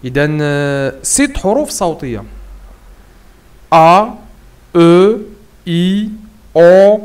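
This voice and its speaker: Slow, lively-pitched Moroccan man teaching. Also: clean tone. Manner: spells out letters and repeats words slowly, mixing in Moroccan Arabic. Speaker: French teacher. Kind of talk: slow classroom lesson.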